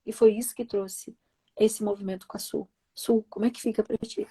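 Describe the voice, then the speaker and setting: A woman's voice: mid-range voice, steady tone, moderate pace, warm tone, breathy edge, low-quality recording. A woman hosting a live stream, telling a personal story with emotion. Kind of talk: casual chat.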